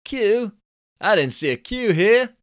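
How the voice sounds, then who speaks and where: A man voices a brash young American snowboarding champion, using a put-on Californian accent and a boastful surfer-dude drawl in a cocky mood. The full character voice is high-pitched, above his own, with big pitch swings and a slow pace, recorded clean in a studio with no room sound.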